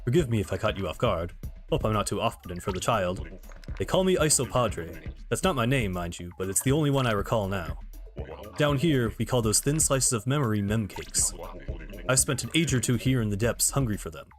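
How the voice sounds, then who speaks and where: A man voicing a courteous, wistful old male sea creature who drifts in the depths, speaking in a lower, measured, old-fashioned way. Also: lively intonation, faint music behind, natural voice. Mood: courtly, wistful.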